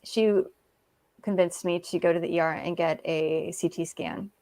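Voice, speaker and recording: A woman's voice: on the low side, fairly even intonation, normal speed, warm tone. Woman guest rambling through her story, lots of um and like, does little voices for quotes. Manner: chatty, many fillers, acts out quoted remarks. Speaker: guest author. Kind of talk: casual interview storytelling.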